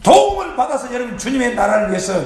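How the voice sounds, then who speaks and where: Fervent high-voiced man preaching. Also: big pitch swings, fast. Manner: impassioned preaching, leads call-and-response. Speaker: pastor. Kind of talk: sermon. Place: large church hall. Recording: very echoey church hall, faint noise.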